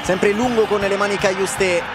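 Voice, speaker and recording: Animated young man, high-pitched football commentary. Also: normal speed, loud music behind the voice. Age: young adult. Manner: animated, raised voice. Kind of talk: excited live football commentary. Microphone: headset microphone.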